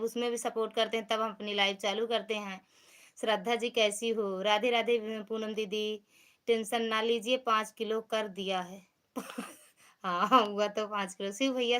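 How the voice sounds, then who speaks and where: A woman's voice: fairly high pitch, pushed and bright. A woman with an Awadhi accent hosting a casual live stream, chatting and teasing as she greets viewers by name. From Uttar Pradesh.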